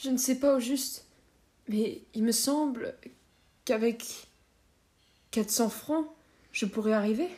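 Brief: woman voicing a wistful young wife, soft and hesitant, slightly raised pitch, storybook reading. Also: moderate pace, close to an everyday voice. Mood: plaintive.

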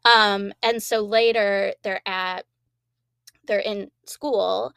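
A woman's voice: mid-range voice, fairly even intonation, extremely slow, gravelly, fairly bright tone, clean tone, no room sound, clean studio sound. A woman co-hosting a podcast, casually recapping TV episodes in a rambling way and quoting characters. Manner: rambling, quotes characters with laughs. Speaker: podcast co-host.

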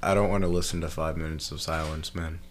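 Young male co-host, very low voice, slangy and profane, clear clatter of dishes behind. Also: steady tone, fast, background noise. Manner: slangy, swears a lot, teasing. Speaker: podcast co-host. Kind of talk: casual chat.

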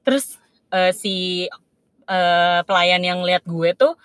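A woman's voice: lowish voice, takes it slowly, dry recording. A young woman from Indonesia chatting casually, often agreeing and telling a travel story. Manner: relaxed, agreeable, many affirmations. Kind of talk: casual chat.

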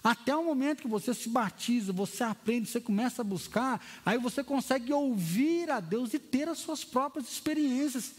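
A pastor, a man preaching a lively, storytelling sermon in a church hall. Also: extremely high pitch, moderate pace, hardly any pauses, breathy edge. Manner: lively storytelling preacher who acts out quotes. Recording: long hall reverb.

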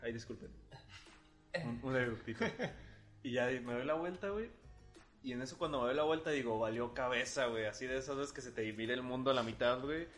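A young Mexican man rattles through a story at high speed, his voice sitting at an ordinary middle pitch. He talks in casual slang and keeps the tale rolling for his friends. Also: a bit bright, faint music behind. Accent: Mexican Spanish. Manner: fast, slangy, laughing anecdote telling. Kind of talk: casual chat.

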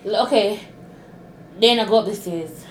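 A woman's voice: mid-range voice, moderate pace. A woman co-hosting a podcast in casual chat, playful and teasing, often laughing. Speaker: podcast co-host. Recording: echoey room with faint noise.

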